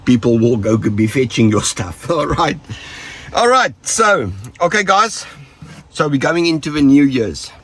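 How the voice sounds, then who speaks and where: Slightly high, sing-song, and a little slow, the husky voice belongs to a South African vlogger whose flu leaves him sounding rough. He jokes around while giving viewers casual safety tips, rambling into asides that fade out.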